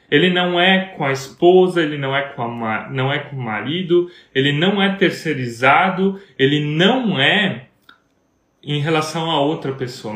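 Co-hosting a talk about marriage, an earnest man with a Brazilian Portuguese accent preaches and fires off one question after another. His voice is a little high for a man and a bit bright, and the audio has a roomy echo.

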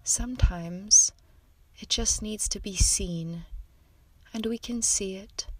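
A woman leading a guided meditation in a soft, soothing voice that often drifts into whispers. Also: medium pitch, slow pace, breathy edge, no room sound, rough recording.

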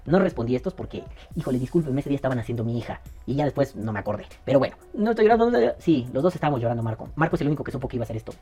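A man's voice: medium pitch, racing, warm tone, breathy edge, faint music behind. A man with a Mexican accent hosting a podcast, with crude, joking, slang-filled banter and a voice kept down. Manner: keeping his voice down. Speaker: podcast host. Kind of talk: casual podcast chat.

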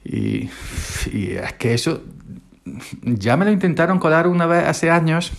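A man's voice: a little high, big pitch swings, measured pace, creaky. A man from Spain hosting a podcast, recorded on his phone in his bedroom, telling a story in a rambling, wry way. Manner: rambling, wry, repeats himself. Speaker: podcast host. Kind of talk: casual storytelling monologue. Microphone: mobile phone.

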